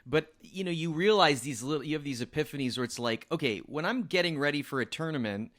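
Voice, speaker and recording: A man's voice: fairly high pitch, expressive, fast talker, fairly bright tone. A man hosting a podcast, chatting casually and energetically with a guest and now and then swearing. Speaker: podcast host, jiu-jitsu coach.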